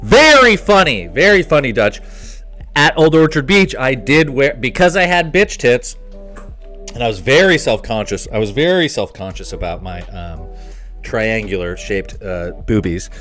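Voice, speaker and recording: A man telling a crude, rambling comic story with excitable energy and lots of asides. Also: medium pitch, normal speed, soft background music. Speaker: comedy vlogger.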